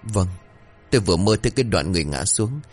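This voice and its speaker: Casting: an older wife, tired and fussy, voiced by a male narrator, deep tone. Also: lively intonation, fast, darkish tone, soft background music. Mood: concerned. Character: older wife, tired, fussing over husband.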